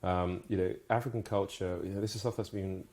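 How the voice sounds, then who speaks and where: Interview guest, deep low voice, from Ghana, raised in the UK, hesitant but eager. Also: male voice, steady tone, fairly quick, darkish tone. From Ghana, raised in the UK from age five. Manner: thoughtful, hesitant with many restarts and fillers. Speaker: brand co-founder, interview guest. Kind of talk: casual interview talk.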